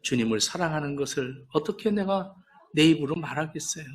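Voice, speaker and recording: High-voiced male pastor preaching. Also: lively intonation, fairly quick. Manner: asks the congregation rhetorical questions; swings between soft, hushed lines and raised, emphatic ones. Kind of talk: sermon.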